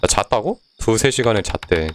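Male game streamer, lowish voice, loose chatty commentary, reads on-screen text aloud, quick to curse and yell. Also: expressive, slight background noise. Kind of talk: casual let's-play commentary.

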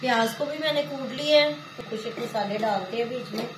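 Chatting in a homely way, a village vlogger from Pakistan explains each step of her home cooking, often using "jo hai na." Her Pakistani Urdu-accented voice is a little high and brisk. She sits on a floor mat in a small home room, where the sound echoes and background noise is clear.

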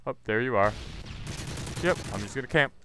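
A man's voice: medium pitch, expressive, moderate pace, background noise. A man giving live gameplay commentary, ranting and swearing with irritation as he plays. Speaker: gaming channel host.

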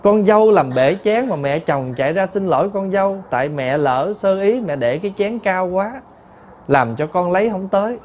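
An older man exclaims in amazement as something dawns on him, voiced by a male storyteller. The voice sits a little high, with a faint hiss behind it. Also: animated, moderate pace, a little mellow. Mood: astonished. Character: elderly man realizing a lesson.

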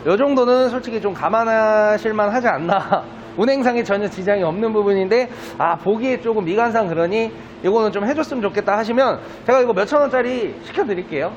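A man speaking as a used car dealer, giving a polite, persuasive sales pitch in a walkaround of a car. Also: a little fast, hardly any pauses. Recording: dull lo-fi sound, faint background noise.

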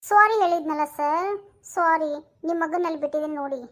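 Very squeaky cartoon dad, fussy and jumpy, a performer voicing him. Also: a little fast, sharp tone. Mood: flustered. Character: forgetful cartoon father who fears ghosts. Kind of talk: comedy cartoon dubbing.

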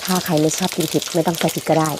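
A woman chattily narrating a casual cooking vlog as a home cook, using soft, friendly sentence endings. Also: low voice, flat delivery, very fast, noisy background. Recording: loud frying sizzle over the voice. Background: sizzling pan and stirring.

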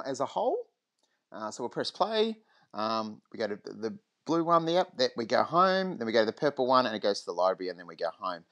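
A man talking through a screen-recorded teaching tutorial in a relaxed, rambling way. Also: lowish voice. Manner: relaxed, lots of ums and restarts.

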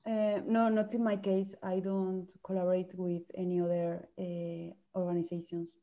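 A woman's voice: fairly low pitch, flat delivery, normal speed, dull audio. A woman from China who grew up in Spain, speaking as a panelist on a video call, searching for words in English. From born in China, grew up in Spain.

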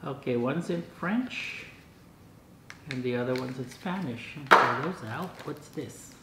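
This is a man in his sixties with a medium-pitched, unhurried voice, casually vlogging an unboxing indoors at his dining table. He reasons aloud, reads bits out and adds puzzled comments along the way. The clip, recorded by a camera across the table, is clear with a roomy echo.

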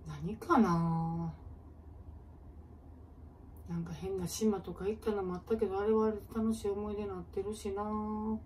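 A woman comedian with a Kansai accent, musing aloud in relaxed casual chat while she preps food, answering viewer comments. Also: mid-range voice, moderate pace, pauses often. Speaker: comedian and channel host. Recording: distant mic with faint kitchen noise.

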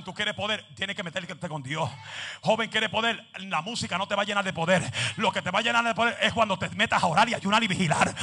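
Gravelly high-voiced fervent evangelist man. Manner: fervent, mixes in English phrases; shouted repeated refrains. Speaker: evangelist preacher. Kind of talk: fiery Pentecostal sermon.

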